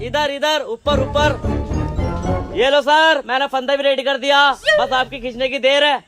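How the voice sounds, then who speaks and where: A man's voice: extremely high pitch, very animated, unhurried, over loud music. A man acting in a comic film spoof, pleading and whining theatrically. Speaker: spoof actor. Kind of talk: comedic Hindi spoof acting.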